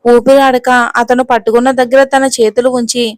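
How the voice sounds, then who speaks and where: Flat-voiced female story narrator. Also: on the high side, normal speed, dry recording. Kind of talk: scripted narration.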